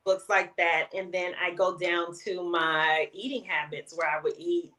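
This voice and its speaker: A woman's voice: fairly low pitch, steady tone, pushed and bright. A woman in her late forties, a guest chatting casually and reflectively in an interview, with light laughs. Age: 40s. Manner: unhurried, reflective, with frequent restarts and light laughs.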